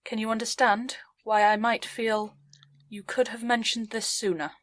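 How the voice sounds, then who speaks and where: A woman's voice: fairly high pitch, little pitch movement, moderate pace, no echo, clean studio sound, close to an everyday voice. A woman voicing a prim female envoy in a tabletop game, speaking with formal, haughty courtesy. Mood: indignant.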